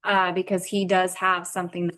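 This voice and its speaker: A woman's voice: on the low side, completely flat delivery, moderate pace, fairly bright tone. A woman serving as town clerk-treasurer, calling roll and reporting finances in a careful, hesitant way with many ums. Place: town council meeting room.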